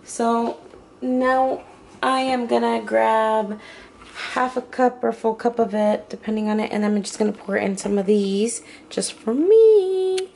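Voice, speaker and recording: A woman's voice: a little high, unhurried, gravelly, a little mellow, slight background noise. A woman talking casually through her meal prep in a home kitchen, chatty and a little hesitant, often correcting herself. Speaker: vlogger.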